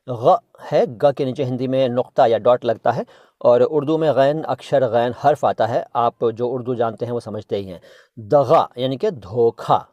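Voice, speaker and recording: A man's voice: medium pitch, darkish tone, dry recording, muffled recording. A man hosting a casual Hindi and Urdu language lesson, playfully repeating words to correct pronunciation and humming bits of old songs. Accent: Indian Hindustani. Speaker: language teacher and channel host.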